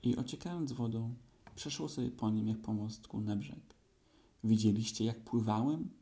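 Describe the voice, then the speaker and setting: A man reading a children's story aloud, calm and even in his telling. His voice is dark, warm and mellow. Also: mid-range voice, normal speed, gravelly. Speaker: audiobook narrator.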